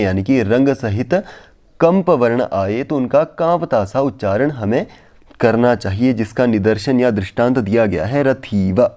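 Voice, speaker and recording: Male Sanskrit tutor, warm dark tone, chants verses slowly then explains patiently. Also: medium pitch. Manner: recites verses slowly, then explains in repetitive plain Hindi. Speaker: Sanskrit teacher. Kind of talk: explanatory lesson on phonetics.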